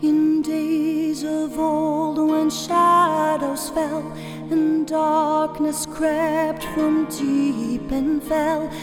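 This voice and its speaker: A woman voicing a bard who half-sings an old, dark ballad. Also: high-pitched, little pitch movement, extremely slow, reverberant, long reverb tail, over music. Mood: ominous. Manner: lilting, half-sung.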